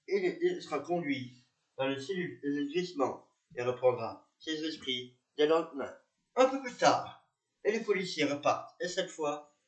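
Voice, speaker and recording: A man narrating and playing a police officer, talking hesitantly with many fillers and repeats. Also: fairly high pitch. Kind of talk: amateur reenactment of police patrol. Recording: echoey room.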